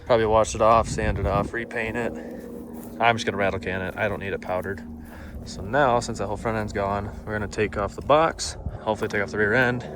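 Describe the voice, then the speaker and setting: Filmed on a propped-up phone, a young man works on his truck in a backyard and workshop, both inside and outside, chatting in a rambling, self-deprecating vlog style. He has a lowish voice, fairly even intonation and a brisk pace, and is out of breath at times. The background is noisy.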